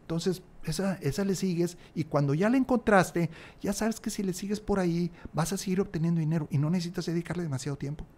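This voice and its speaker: A man's voice: high-pitched, fast talker, few pauses, a little mellow. A man, a podcast guest who talks at length, acts out little dialogues and repeats key phrases for emphasis, recorded on a studio mic in a small room. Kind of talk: casual conversational interview. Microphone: large studio mic on a stand, headphones.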